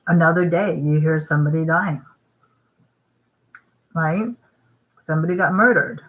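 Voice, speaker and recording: A woman from Vietnam talks straight to her vlog viewers in a low voice. She rambles and pushes her points hard, tagging them with "right?" as she eats. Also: a bit bright, rough recording. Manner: rambling, emphatic, with frequent "right?" asides; eating while talking. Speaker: vlogger. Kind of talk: casual talking-head vlog.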